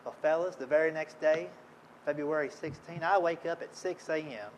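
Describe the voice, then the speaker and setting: A man's voice: a little high, normal speed, slight background noise, rough recording. A middle-aged man from Tennessee with a Southern accent, telling a self-deprecating funny story to an audience at an event. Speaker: speaker at an industry event. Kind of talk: humorous storytelling talk.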